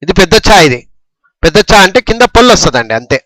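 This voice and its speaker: A man with a high voice teaches a lesson, sounding out each syllable patiently and pausing to ask if the class is following. His recording is dry and close, with no room sound. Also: sing-song, sharp tone, no echo, rough recording. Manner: patient, repetitive drilling, frequent "okay?" checks. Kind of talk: Telugu alphabet lesson, reciting syllables.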